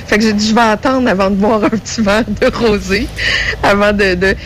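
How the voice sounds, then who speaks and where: A woman reporting from a festival in casual, conversational Quebec French. Her pitch is average, and faint ambience sits behind her. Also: steady tone, normal speed, slight background noise. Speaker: festival correspondent. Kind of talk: casual on-air chat.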